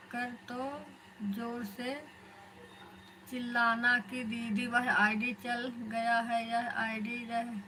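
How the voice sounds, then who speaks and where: A woman hosts a live stream and chats with her viewers, calling them elder sister. Her voice sits fairly high and she talks slowly. The phone recording carries clear background noise. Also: bright, forceful tone, poor audio.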